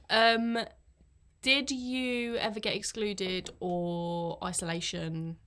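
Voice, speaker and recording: A young woman from Britain, a podcast co-host telling school stories in casual chat with quick, giggly bursts. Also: mid-range voice, fairly even intonation, fairly bright tone. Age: young adult.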